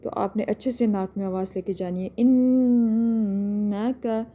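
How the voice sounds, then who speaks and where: A woman's voice: mid-range voice, fairly even intonation, dark tone. A woman teaching a tajweed lesson, patiently explaining each step and drawing out words as she recites.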